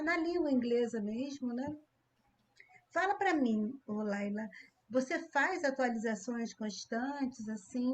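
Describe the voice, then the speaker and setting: A woman's voice: on the high side, muffled recording. A woman from Brazil hosting an interview, affirming her guest and asking long, rambling questions. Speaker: interviewer, show host. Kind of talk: casual interview.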